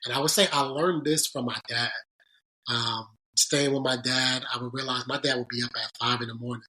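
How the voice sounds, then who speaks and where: A man with a medium-pitched, steady, sharp-toned voice speaks over a rough recording. He's a podcast interviewee reflecting on his time as a sports agent, earnest and thoughtful, halting and often starting over mid-sentence.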